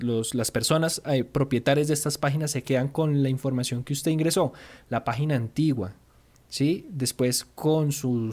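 A man's voice: mid-range voice, a little mellow. A man from Colombia hosting an interview, asking questions conversationally and sharing his own examples. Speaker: host interviewer. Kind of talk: radio-style interview.

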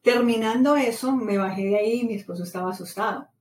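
Animated woman telling a story in a roomy space. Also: a little high, quick pace. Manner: animated storytelling, many repetitions. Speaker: podcast host. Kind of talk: casual motivational monologue. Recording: roomy echo, mic set far off, faint ambient noise.

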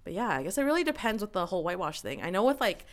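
A woman's voice: mid-range voice, rapid-fire. A woman hosting a podcast, chatting casually with guests and laughing often. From Canada. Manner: chatty, laughing, animated questions. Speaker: podcast host.

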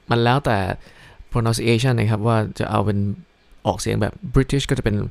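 Man, podcast host, mid-pitched, casual polite review delivery, spells out terms, dry close recording. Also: dry recording. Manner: polite, fills sentences with ครับ; spells out English words letter by letter.

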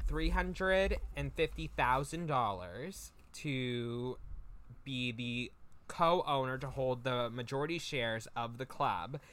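A woman co-hosts a casual podcast and carries the story. Her voice sits low but moves a lot in pitch. She tells it with a wry edge. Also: fairly bright tone. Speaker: podcast co-host. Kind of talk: casual chat.

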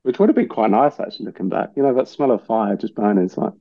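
This chef's voice is on the low side with vocal fry, and he talks fast; the recording is dry, with the highs cut off. An Englishman whose accent now carries some Australian twang, he chats casually as a podcast guest, rambling, laughing often, and filling gaps with fillers.

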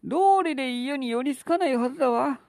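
A tired, sharp-tongued wife and mother, put on by a man in a spoken story. The voice is raised well above a man's speaking pitch and rises and falls a lot. It is close and dry. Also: animated, a little fast, creaky, no echo, full character voice. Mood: scolding. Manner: scolding then frantic.

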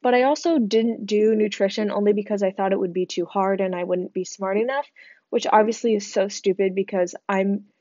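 A woman's voice: mid-range voice, fairly even intonation, fairly quick, dark tone, no echo. Tired young woman giving chatty advice. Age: young adult. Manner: chatty, frank, filler-heavy. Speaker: podcast host. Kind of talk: casual advice monologue. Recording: dry, slightly dull sound.

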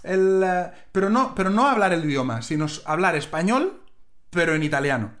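A man co-hosting a podcast from home, telling stories in a casual, animated way and acting out other people's lines. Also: high-pitched, fairly quick. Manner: animated storytelling with mimicry. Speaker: podcast co-host. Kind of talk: casual chat.

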